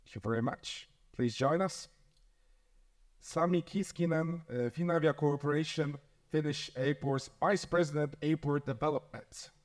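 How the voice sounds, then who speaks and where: A man's voice: on the high side, moderate pace. A man moderating a conference panel, introducing guests politely and hesitantly with many fillers. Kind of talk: formal event hosting.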